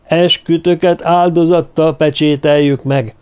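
A man's voice: fairly high pitch, a little mellow, voice pushed up, close to an everyday voice. A man putting on a screeching fanatical druid mage. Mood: commanding. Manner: screeching, commanding, bloodthirsty. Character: fanatical male druid mage leading a bloody rite. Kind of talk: audiobook character voice.

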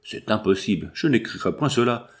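A man reading the part of a scheming wealthy man who speaks with hushed, tense urgency. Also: fairly low pitch, lively intonation, a little fast, close to an everyday voice. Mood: anxious. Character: scheming wealthy middle-aged man, fearful.

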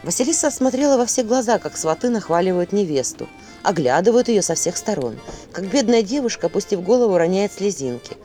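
Woman storyteller, folk tale, lively, animated pitch. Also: fairly quick, faint music behind. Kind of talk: expressive folk-tale narration.

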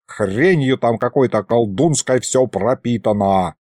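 A man's voice: mid-range voice, sing-song, a little slow, darkish tone, no room sound, studio quality. A man voicing a gloomy, self-important male ghost sorcerer who talks in old-fashioned words. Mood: grumbling. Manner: self-important, archaic wording.

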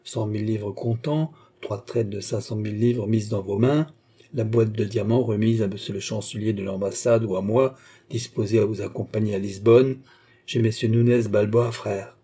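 A sly, sardonic con man in a storybook read-aloud, as a man reads him. The voice is mellow and husky, confident and a little mocking. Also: fairly low pitch, fairly even intonation, normal speed. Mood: scheming. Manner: scheming and mocking. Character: cunning, sardonic male swindler.

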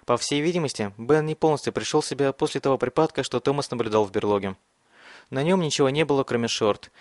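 A man narrating an audiobook in a measured, dramatic reading. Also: mid-range voice, no room sound. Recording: dry close studio sound.

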